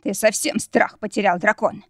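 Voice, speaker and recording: A woman narrator voicing a proud, angry male emperor who speaks in a booming, indignant way. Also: fairly even intonation, normal speed, no echo, studio quality, natural voice.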